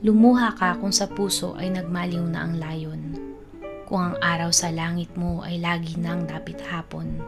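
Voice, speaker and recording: A woman declaims a poem in a solemn, mournful voice pitched fairly low. She recites with dramatic weight over clear guitar music. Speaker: poetry reciter.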